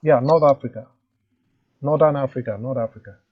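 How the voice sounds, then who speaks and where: A man's voice: medium pitch, a little fast. A man moderating an online meeting over a lo-fi call, speaking politely and hesitantly and often repeating himself. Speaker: interview moderator. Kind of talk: informal chairing of an online meeting. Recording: dull lo-fi online call audio.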